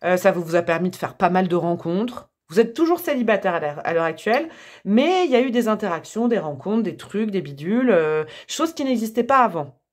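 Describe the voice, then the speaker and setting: A woman's voice: medium pitch, very animated, fairly quick. A woman giving a casual tarot reading to camera, chatty and thinking aloud with many fillers and small laughs. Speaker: tarot reader.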